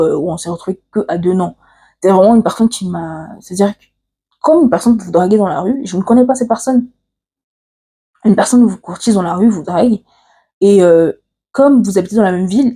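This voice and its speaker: A woman with an African French accent recounts a personal story to her viewers in an earnest, confiding way. Her voice is mellow and a little breathy. She hesitates often, filling pauses and restarting her sentences as she talks. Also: mid-range voice. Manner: hesitant, frequent "euh" fillers and restarts. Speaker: vlogger.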